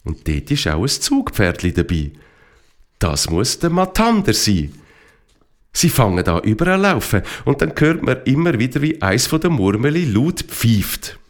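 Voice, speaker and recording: A man narrating a children's story with slow, lively reading. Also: medium pitch.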